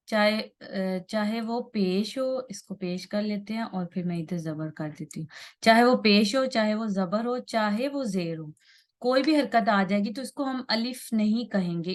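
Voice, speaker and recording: Patient, slow-speaking woman tajweed teacher. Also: a little high. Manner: patient, repeats and stretches sounds, checks in with "theek hai". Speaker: Quran recitation teacher. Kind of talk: slow tajweed lesson at a whiteboard.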